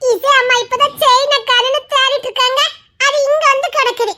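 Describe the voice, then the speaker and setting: A woman doing a small clingy boy with a high voice. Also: flat delivery, fairly quick, sharp tone. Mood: fretful. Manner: high-pitched, pleading, childlike. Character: small boy, anxious and clingy with his father.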